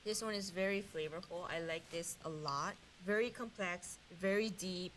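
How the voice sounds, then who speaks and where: A woman's voice: fairly low pitch, normal speed. Woman chef commenting over background hiss. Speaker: chef on a tasting panel. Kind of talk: explanatory food commentary.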